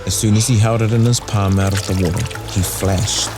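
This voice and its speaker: A man with a New Zealand accent narrating a scripted story in a deliberate, dramatic way. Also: fairly low pitch, steady tone. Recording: narration over loud music.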